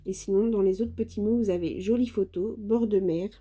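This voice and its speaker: A woman's voice: medium pitch, fairly even intonation, brisk, mellow, slightly rough. A woman from France chatting casually through a craft haul, hesitant and stumbling over her words with many fillers. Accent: French. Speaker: craft vlogger. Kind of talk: casual show-and-tell haul.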